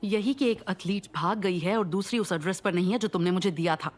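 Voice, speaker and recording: A woman's voice: on the low side, a little fast, close to an everyday voice. A woman dubbing a stern, curt female anti-doping inspector in a drama. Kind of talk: dubbed drama.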